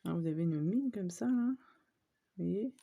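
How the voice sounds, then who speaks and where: A woman's voice: fairly low pitch, animated, moderate pace, vocal fry, phone-quality sound. A woman chatting casually to viewers as she shows off craft supplies she bought, with lots of fillers and small asides. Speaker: scrapbooking vlogger. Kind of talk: casual shopping haul show-and-tell.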